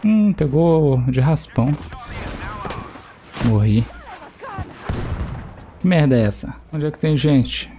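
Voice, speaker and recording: A man's voice: a little high, lively intonation, takes it slowly, long pauses, warm tone. A young Brazilian man with a Brazilian Portuguese accent, joking and swearing casually as he streams gameplay and talks to teammates. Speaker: gaming streamer. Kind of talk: casual live gameplay commentary. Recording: faint game noise behind.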